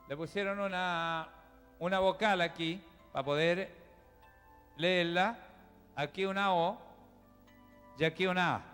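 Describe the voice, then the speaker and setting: A pastor preaches a sermon in a church hall, explaining things to the congregation in a chatty, direct way. His voice is high, fairly bright, and clean. The recording is reverberant, with music in the hall.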